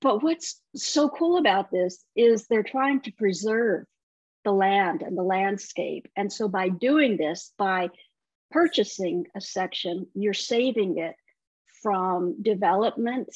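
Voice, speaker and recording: A woman entertainment correspondent chatting on a TV segment, talkative and quick to laugh, with many restarts. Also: medium pitch, expressive, husky, dry recording, highs cut off. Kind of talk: casual TV segment chat.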